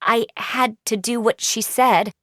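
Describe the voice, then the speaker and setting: A woman voicing a friendly young vampire girl who speaks slowly and gently. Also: on the high side, fairly even intonation, no room sound, clean studio sound. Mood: gentle.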